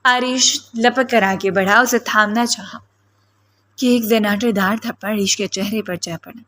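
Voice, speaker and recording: A woman's voice: medium pitch, fairly even intonation, a bit bright. Woman narrating a dramatic romance novel. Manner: dramatic storytelling. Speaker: audiobook narrator.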